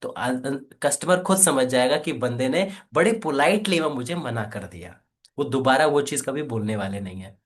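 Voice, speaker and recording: A man leading a live sales training session, energetic and coaxing, often asking "right?" and urging quick questions. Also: medium pitch. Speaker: affiliate marketing trainer.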